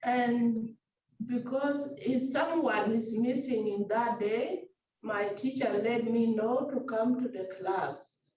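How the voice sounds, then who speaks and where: A woman's voice: a little high, slow pace, warm tone, far from the mic. A woman language learner answering in hesitant, simple English. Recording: echoey room, voice away from the mic.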